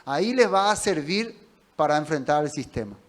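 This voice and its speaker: A man's voice: fairly high pitch, expressive, moderate pace. A male pastor gives a conversational Bible teaching, asking his listeners questions as he goes. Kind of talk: sermon.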